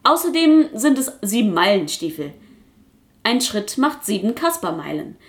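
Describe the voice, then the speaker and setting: A woman voicing a talkative, boastful little male Kasper puppet in a storybook reading, chattering excitedly and insisting on getting his way. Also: medium pitch, moderate pace, close to an everyday voice. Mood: insistent.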